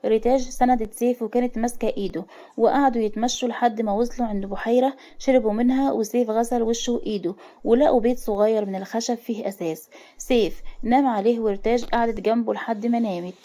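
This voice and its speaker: A woman's voice: a little high, fairly even intonation, fast, dark tone. A woman with an Egyptian accent reading out a story. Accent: Egyptian Arabic.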